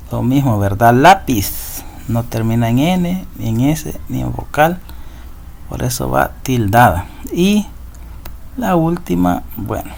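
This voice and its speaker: A man's voice: medium pitch, creaky, darkish tone. A man teaching a recorded lesson, patiently explaining rules and often checking in with his students. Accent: Central American Spanish. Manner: patient, repeats rules and asks ¿verdad?.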